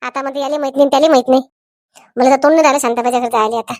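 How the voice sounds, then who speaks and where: A woman plays a chatty, scolding village aunt in a cartoon. She talks on and on in a high voice. The sound is close and dry. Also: steady tone, racing, a little mellow, no echo, lightly acted. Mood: grumbling. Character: gossipy middle-aged village aunt, meddling. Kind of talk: cartoon voice acting.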